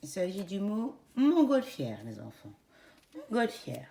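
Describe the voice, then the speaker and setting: Slow, gravelly French teacher, lively pitch. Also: female voice. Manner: slow, encouraging, syllable-by-syllable enunciation. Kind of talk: classroom phonics lesson for young children.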